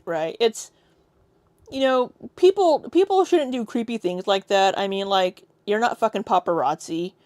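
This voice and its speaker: A woman talks bluntly and swears freely while chatting on a livestream. Her voice sits at an ordinary middle pitch. The sound is close and dry, with no room around it. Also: expressive, moderate pace, darkish tone, no echo. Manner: blunt, sweary, reads chat aloud. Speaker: co-host. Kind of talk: casual chat on a livestream.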